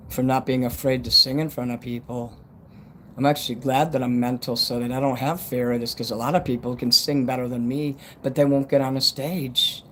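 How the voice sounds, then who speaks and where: A dental retainer puts a whistle in the s sounds of this U.S. man in his fifties, who hosts a casual livestream in a medium-pitched voice. He's blunt and rambling, cursing often, while steady background noise fills the recording.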